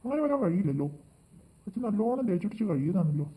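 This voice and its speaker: A man voicing a gentle, indulgent father in a family cartoon who soothes and gently scolds his kids. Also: sits high, sing-song, fast talker. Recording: tinny phone-like, faint noise.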